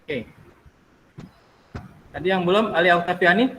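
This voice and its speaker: Man, teacher, online class roll call, patient and coaxing, somewhat high voice, video call, faint noise. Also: moderate pace, bright, forceful tone, rough recording. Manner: patient, coaxing students to unmute.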